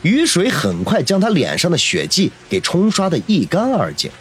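A man narrating a novel in a dramatic, expressive storytelling voice. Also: sits high, normal speed, slight background noise. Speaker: audiobook narrator.

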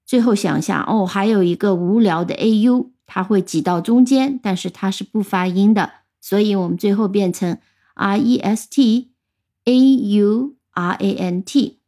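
A woman's voice: mid-range voice, normal speed, dark tone. A woman teaching English vocabulary, patiently spelling out words letter by letter and explaining how they are pronounced. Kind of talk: vocabulary lesson.

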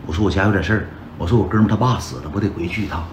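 A low-pitched man with a Northeastern Mandarin accent tells his own story on a livestream, talking very fast and chattily while repeatedly addressing viewers as brothers. The audio has a little hiss or hum, a roomy echo, and loud background music.

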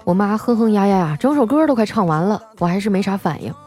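A young woman tells comic stories as a radio host. Her delivery is wry and deadpan, and her voice sits at an ordinary middle pitch. Soft music plays faintly behind her. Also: fast. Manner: wry, deadpan punchlines with playful quoted voices. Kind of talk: comic storytelling monologue.

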